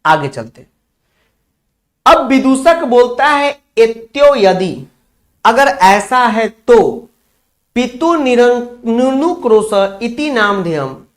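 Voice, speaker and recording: A man from Bihar, teaching a Sanskrit class online and explaining the text word by word, repeating key points for his students. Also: high voice. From Bihar, India.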